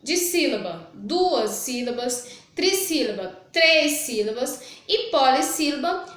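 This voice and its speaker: Brazilian woman, a primary teacher, higher voice, patient and repetitive, recorded in a very echoey room. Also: lively intonation, slow, a bit bright. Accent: Brazilian Portuguese. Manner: patient, repetitive, checks in with "tá?" after each point. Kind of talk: recorded remote lesson. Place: room with a whiteboard.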